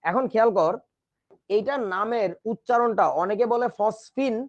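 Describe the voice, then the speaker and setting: A man's voice: high voice, moderate pace, no room sound. A man teaching chemistry in a lecture, joking around and spelling out words letter by letter. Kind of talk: classroom lecture. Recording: dull, dry recording.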